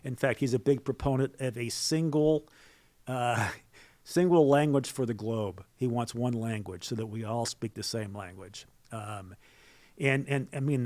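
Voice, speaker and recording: A man in his fifties, a talk-show guest, speaking in a halting way with many restarts and fillers. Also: medium pitch, a little mellow. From Norway. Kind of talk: political talk show conversation.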